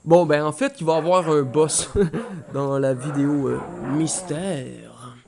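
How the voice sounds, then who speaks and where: A man with a Québécois accent giving excitable, swearing gameplay commentary while he has the flu. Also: on the high side, normal speed, background noise. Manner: excitable, swears often, loud outbursts. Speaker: gaming YouTuber.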